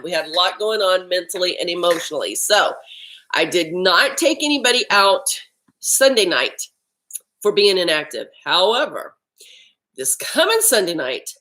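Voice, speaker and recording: Eating lunch at home, a woman hosts a relaxed live-stream conversation about healthy eating for her health vlog. Her voice is medium-pitched and fairly bright, and the audio quality is poor.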